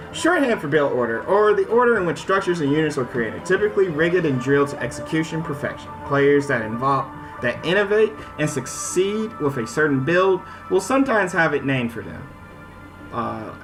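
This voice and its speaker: An American man streams a casual let's-play, reading game text aloud and commenting in a slightly high, lively voice. He's informal and stammers, repeating words, and the rough recording has music behind him.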